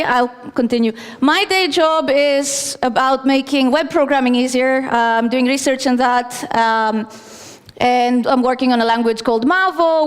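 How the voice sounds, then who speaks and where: A Greek woman in her thirties gives a technical conference talk on a stage mic, chatty and self-deprecating with plenty of fillers. Her voice is on the high side, clear and resonant, and the large hall adds long reverb.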